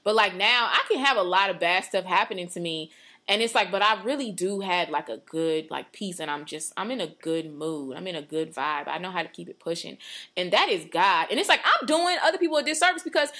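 Low-leaning, animated, and slightly quick, this woman's voice sounds pushed and bright. A late-twenties podcast co-host, she speaks at length and sincerely about her faith, casually wandering with lots of "like," filler words, and restarts.

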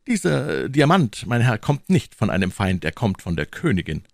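A man's voice: lowish voice, sing-song, moderate pace, gravelly, no echo, studio quality, voice pushed up, exaggerated voice. A man voicing a young, proud and hot-headed guardsman in an audiobook, with eager, indignant outbursts. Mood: earnest. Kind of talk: audiobook character voice.

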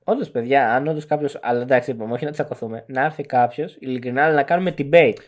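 A man co-hosting a casual podcast, talking animatedly. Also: mid-range voice. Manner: animated, mocking outbursts. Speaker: podcast co-host. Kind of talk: casual chat.

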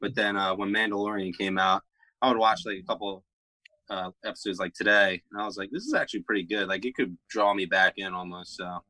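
A man's voice: sits low, level tone, brisk, sharp tone, dry recording, poor audio. A man chatting on a podcast in a laid-back way, filling his talk with "like". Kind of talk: casual podcast chat.

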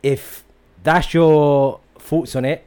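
A man's voice: fairly high pitch, fairly even intonation, slow pace, darkish tone, smooth. A man hosting a casual chat, explaining his views and steering with questions. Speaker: podcast host.

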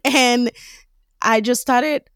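A woman hosting a podcast in casual chat, laughing often and acting out quoted dialogue in a higher voice. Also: steady tone, drawn-out words, a bit bright, clear, resonant tone, no room sound, studio quality. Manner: laughs often between phrases. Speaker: podcast host.

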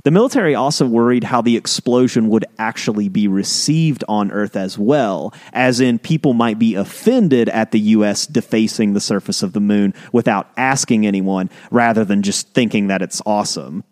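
A man co-hosting a podcast, telling a history story to his co-host in a casual explaining way with animated emphasis. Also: fairly low pitch.

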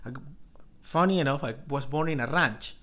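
A middle-aged man from Colombia, a professor telling his life story in an interview, halting with many restarts. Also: mid-range voice, fairly bright tone. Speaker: professor, guest.

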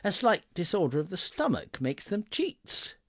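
A trembling old miser whose voice climbs high and quavers as he begs, put on by a man reading a storybook. The sound is dry and close, with a wide, swooping pitch. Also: very animated, unhurried, fairly bright tone, no echo, exaggerated voice. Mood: scoffing.

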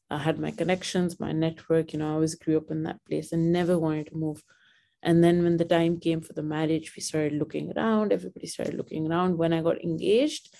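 A woman from Pakistan, a lawyer, talking as a podcast guest in animated, conversational storytelling with frequent restarts. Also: low-pitched, vocal fry. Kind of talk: conversational interview.

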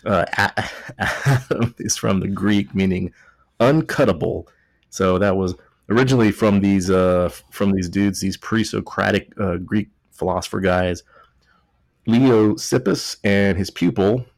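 Tipsy after a few beers, a podcast host with a Texan accent rambles through a casual, joking conversation, often correcting himself. His voice is low with vocal fry, and he speaks at a measured pace. It's a dry recording.

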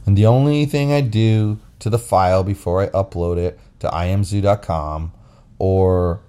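A male podcast co-host rambles through explanations on a casual, unscripted show recorded into a phone app. His voice is low, dark and smooth, at normal speed.

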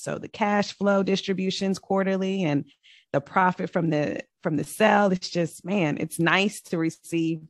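A woman's voice: fairly low pitch, no echo. Chatty woman with a dry sound. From Virginia, United States. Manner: chatty, upbeat, quick storytelling. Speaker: podcast guest, real estate investor. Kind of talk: casual interview talk.

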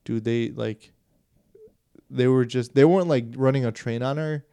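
A man's voice: mid-range voice, vocal fry, dark tone, clear, resonant tone, no echo. A young man co-hosting a podcast, talking in a laid-back, slangy way. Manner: laid-back, slangy, quick agreeing replies. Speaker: podcast co-host. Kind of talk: casual chat.

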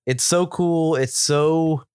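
A man's voice: on the high side, fairly even intonation, takes it slowly, a little mellow, clean tone, no room sound, clean studio sound. A man co-hosting a casual beer review podcast, talking in an enthusiastic, descriptive way while stuffed up from a cold. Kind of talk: casual chat.

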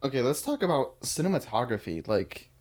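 A man co-hosting a casual film review chat, relaxed and often searching for words. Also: medium pitch, fairly quick. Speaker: podcast co-host.

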